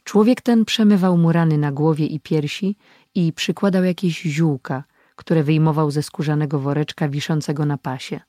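An audiobook narrator reads a story in a measured, even way. The voice sits at a middle pitch, neither high nor low. The recording is dry and close, with no room echo. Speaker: audiobook reader. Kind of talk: scripted narration.

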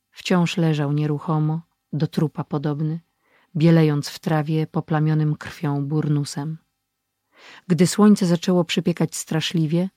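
An audiobook narrator reads a story in a measured, even way. The voice sits at a middle pitch, neither high nor low. The recording is dry and close, with no room echo. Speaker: audiobook reader. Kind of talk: scripted narration.

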